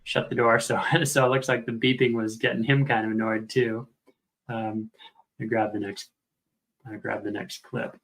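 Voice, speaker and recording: Bright-voiced man casually narrating video clips. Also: mid-range voice, little pitch movement, normal speed, low-quality recording. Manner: thinking aloud, informal narration. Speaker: video host reviewing footage. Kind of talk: casual live commentary over video clips.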